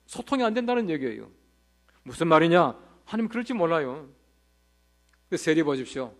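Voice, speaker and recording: A man's voice: a little high, big pitch swings, fairly quick, a bit bright. A male pastor preaching a revival sermon in a church, telling funny anecdotes and asking the congregation rhetorical questions.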